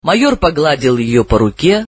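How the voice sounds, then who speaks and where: A man reading a story aloud as an audiobook narrator, with a lively, dramatic delivery. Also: a little high, normal speed, husky, no echo. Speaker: audiobook reader.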